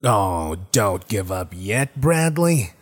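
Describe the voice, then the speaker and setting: Reading a horror story, a man with a lowish voice takes it slowly and gets very animated, voicing a sly, menacing rabbit-like monster with steel teeth. The exaggerated delivery is taunting, mock-friendly and sing-song, with an uncanny, strained timbre.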